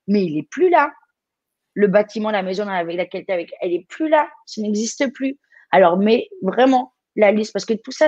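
A woman's voice: mid-range voice, dark tone, no echo. A woman from France coaching someone live, speaking directly and encouragingly with frequent restarts.

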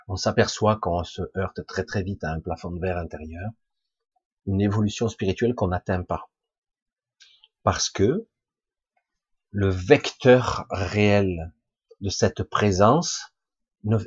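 A man with a hoarse, husky, chesty voice recovering from a cough, giving a rambling, blunt, informal monologue to his followers, with casual swearing. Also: on the low side, a little mellow, dry recording, dull audio. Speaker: spiritual vlogger speaking to followers.

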